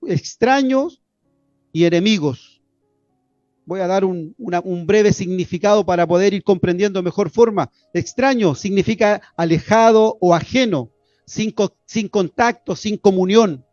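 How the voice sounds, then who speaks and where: A man's voice: high-pitched, a little slow, darkish tone, no room sound, dull audio, soft background music. A man from Chile preaching an expository sermon, earnest and repetitive, often addressing his listeners as brothers.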